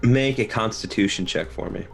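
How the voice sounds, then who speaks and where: A low-pitched male game master guides players through a horror tabletop session, describing scenes and calling for rolls. His deep voice sits over faint background music. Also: moderate pace, creaky. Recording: music under the voice.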